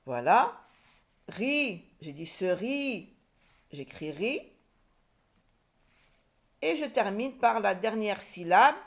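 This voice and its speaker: A woman with a mid-range voice speaks slowly, with big pitch swings and long pauses. She is a primary school teacher giving a reading lesson to young children, sounding out words syllable by syllable and repeating them.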